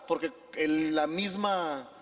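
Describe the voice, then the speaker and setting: A Mexican pastor preaches from the pulpit with a fairly high voice, telling a personal story in an animated way and calling on the congregation to repeat his words. His voice rings out with the long reverb of a church hall. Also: slow pace. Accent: Mexican Spanish. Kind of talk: preaching sermon with personal anecdote.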